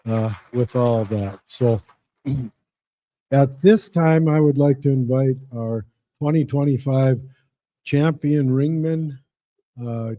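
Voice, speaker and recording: A man hosting an event, announcing off the cuff in a halting, folksy way with frequent pauses. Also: mid-range voice, warm tone, dry recording. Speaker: event host. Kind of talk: unscripted announcing to an audience.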